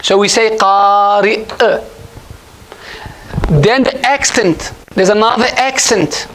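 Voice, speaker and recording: A man's voice: high voice, slow, fairly bright tone, a little hiss or hum, low-quality recording. A man teaching an Arabic grammar class at a mosque, patient and repetitive, often quizzing his students. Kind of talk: classroom lesson.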